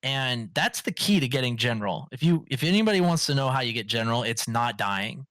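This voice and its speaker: Guy hosting a gaming podcast, bright voice, dry close sound, rambles with lots of ums. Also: mid-range voice, expressive, a little fast, no echo. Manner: rambling, lots of fillers and restarts. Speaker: podcast host. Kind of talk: casual gaming podcast chat.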